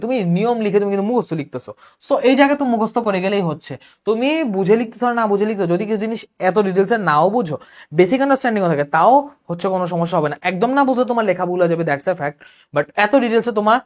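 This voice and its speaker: A young man with a Bangladeshi Bengali accent, teaching an online exam-prep lecture, briskly explaining rules and answering imagined student questions. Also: sits high. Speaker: exam tutor.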